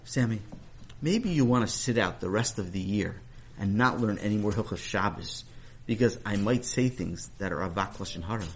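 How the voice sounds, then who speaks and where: A man voicing a kindly rabbi teaching a class, gentle and amused as he explains. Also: fairly low pitch, expressive, moderate pace, a little hiss or hum. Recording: dull lo-fi recording.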